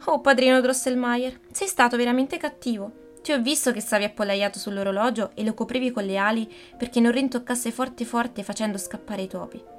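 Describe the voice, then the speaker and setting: A woman's voice: fairly high pitch, fairly even intonation, fairly quick, hardly any pauses, soft background music, lightly acted. A woman voicing a little girl, upset. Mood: reproachful.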